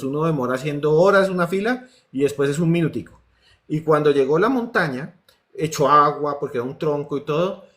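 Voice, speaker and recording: A man with a Colombian accent, a horror writer telling urban legends on a talk show and acting out the voices of the people in them. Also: fairly high pitch. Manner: animated storyteller acting out voices and screams.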